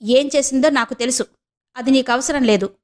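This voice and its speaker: A woman's voice: high-pitched, moderate pace, a little mellow, lightly acted. A woman voicing a cold, dismissive young man who answers his mother curtly. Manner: curt, dismissive.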